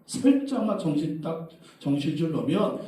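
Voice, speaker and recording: A man preaching a sermon as pastor, asking the congregation questions and bursting into loud cried-out prayers. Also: on the high side, expressive, normal speed, slight background noise. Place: church sanctuary. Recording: distant echoey church hall.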